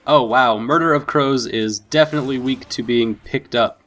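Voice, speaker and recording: A man with a middle-pitched voice gives casual let's play commentary. He thinks aloud as he goes and sounds easily impressed by what he sees. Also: normal speed, fairly bright tone, soft background music. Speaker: gaming video host.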